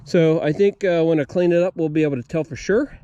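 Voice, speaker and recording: A man's voice: fairly high pitch, quick pace, mellow, dry recording, highs cut off. An American man hosting a metal detecting video outdoors, talking viewers through each step in a casual, folksy way. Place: outdoors at an old homesite.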